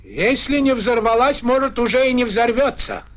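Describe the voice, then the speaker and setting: A man's voice: very high voice, moderate pace. An actor playing an unbothered village man in a comedy film, mocking and dismissive.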